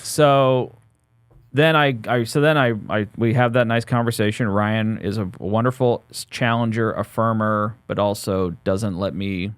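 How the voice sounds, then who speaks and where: A man in his forties talks through a casual podcast chat in a rambling, jokey way, often restarting his sentences. His voice sits somewhat low, and the recording is dry and close with no room sound. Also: steady tone, measured pace, clear, resonant tone, no echo. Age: 40s. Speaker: podcast co-host.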